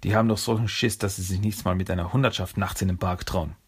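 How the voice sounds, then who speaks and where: Give me a brash young male mutant turtle from a storybook, cocky and mocking, as a man voices him. The voice is low and husky. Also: steady tone, fast talker.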